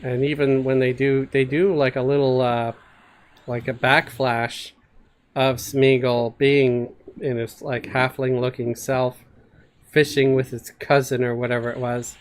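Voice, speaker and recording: A man's voice: medium pitch, little pitch movement, measured pace. A man streaming an online role-playing game, chatting casually with his group and reading out viewer messages, with many hesitant fillers. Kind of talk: casual live-stream chat over voice chat.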